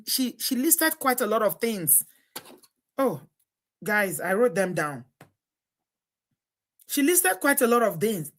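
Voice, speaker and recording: A Nigerian woman hosts a live stream from a live stream setup, chatty and exclamatory, often bursting into laughter. Her voice is medium in pitch and a little bright.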